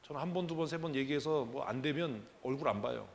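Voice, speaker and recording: A man's voice: medium pitch, a little fast, vocal fry, big-room sound. A man preaching as pastor at a church prayer meeting, talking conversationally and emphatically with many rhetorical questions. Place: church sanctuary.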